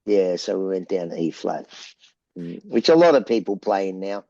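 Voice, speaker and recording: A gravelly, low-voiced Australian man in middle age tells long, rambling stories and acts out the quotes. The sound is dry and slightly dull, like a remote call. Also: normal speed, no echo. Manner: rambling, animated anecdotes with acted-out quotes. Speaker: rock band frontman, interview guest. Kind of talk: casual storytelling.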